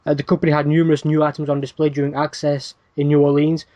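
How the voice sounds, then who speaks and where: Male podcast host, brisk casual news rundown, dry asides, bit higher register. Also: completely flat delivery, dark tone, no echo, lo-fi sound. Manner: reads news items quickly with frequent "uh" fillers and dry asides.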